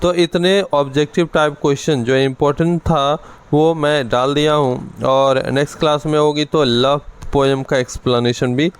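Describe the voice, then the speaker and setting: A man with an Indian English accent teaching an exam-prep lesson, slow and deliberate, switching between Hindi and English. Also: a little high, fairly even intonation, clear, resonant tone, rough recording.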